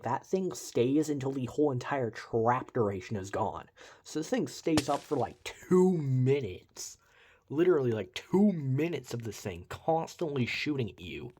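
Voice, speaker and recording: A man's voice: fairly low pitch, noisy background. A young man giving casual, rambling commentary over gameplay, full of "like" and "uh", with wry, sarcastic asides. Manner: rambling, uses many fillers like "like" and "uh". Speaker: gameplay reviewer.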